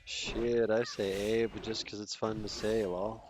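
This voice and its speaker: While gaming on stream and reading his chat, a Toronto-accented Canadian man talks casually and laid-back, often trailing off mid-sentence. His voice is lowish, a little slow and delivered flatly.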